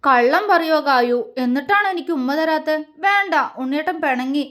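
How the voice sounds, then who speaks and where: A woman's voice: high-pitched, lively intonation, moderate pace, fairly bright tone. A woman voicing a young man with a childlike mind who is stubborn and sulky, speaking in a pleading, childish, insistent way.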